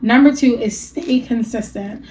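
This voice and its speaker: A woman's voice: on the high side, unhurried, mellow, slight background noise, low-quality recording. A young adult woman vlogging candidly about her weight loss, chatty and encouraging, laughing now and then and sounding a little stuffy from allergies. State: allergies, a bit stuffy after a rough night. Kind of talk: casual talk to camera.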